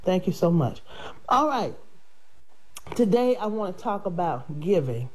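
A woman hosts a casual radio show while selling life insurance, chatting warmly and gratefully with laughs and a nasal, sinus-affected sound. Her voice is fairly low and very animated, and she speaks unhurriedly.

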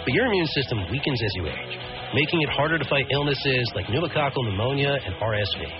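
A man reading scripted radio commercials in a measured announcing voice. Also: mid-range voice, lively intonation, highs cut off. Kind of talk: scripted ad read. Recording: radio ad over loud music.

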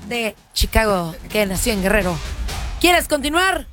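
Cheery high-voiced female radio co-host. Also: sing-song, unhurried, a bit bright, faint music behind. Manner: cheering, affectionate, with pet names. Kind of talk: playful radio call-in chat.

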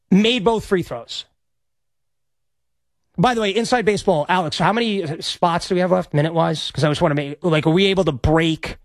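A male sports radio host in a studio reacts excitably to a live game, rambling, stammering, and repeating himself. His voice is high-pitched and slightly hoarse, with no echo.

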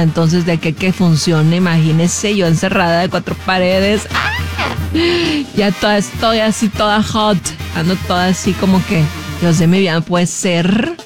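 A woman hosts a radio show with a playful, teasing, chatty manner. Her voice has a middle pitch for a woman and is recorded on a studio microphone, with music playing clearly behind her. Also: fairly even intonation, moderate pace. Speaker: radio host. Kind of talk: lively radio show chat.

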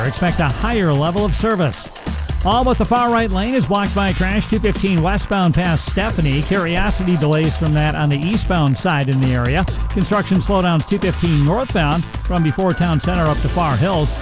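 A man delivering a radio traffic report as a scripted broadcast read. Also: fairly high pitch.

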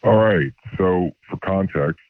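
A man's voice: unhurried, no echo. A man in his forties calling in to a radio show, his voice run through a voice changer to hide who he is, telling his story a little hesitantly. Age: 40s. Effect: voice changer, pitched down to disguise him. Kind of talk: casual confession. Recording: tinny phone line.

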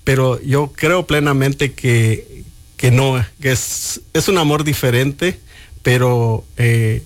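An older Mexican man, a guest in a radio interview, speaks from a studio booth in a mid-range voice at a slow pace. He is earnest and reflective, frequently restarting his sentences.

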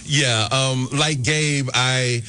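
A man co-hosting a radio sports show, asking a guest measured questions. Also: medium pitch, steady tone, pushed and bright.

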